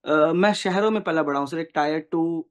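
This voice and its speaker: A bank officer in his thirties from Kolkata, India, is a guest in a casual interview, speaking at a moderate pace in a slightly high voice. Earnest and hesitant, he fills his speech with many fillers and moves back and forth between English and Hindi.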